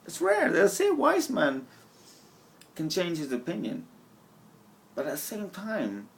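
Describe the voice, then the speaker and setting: A young vlogger at an outdoor bus stop delivers a profane, stream-of-consciousness monologue to his camera, laughing at himself often, with a slightly Scottish-tinged accent. His creaky voice sits high and swoops wildly in pitch, though his pace stays measured. Sound comes through the camera mic.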